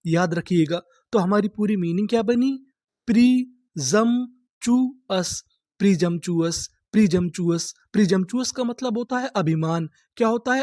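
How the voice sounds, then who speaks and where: Male tutor, patient classroom delivery, spells words slowly and repeats them, dry close sound. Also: high voice, a little mellow, no echo. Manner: spells words letter by letter, asks and answers himself; drills each word by slow repetition. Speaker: English reading teacher. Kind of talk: spoken lesson to students.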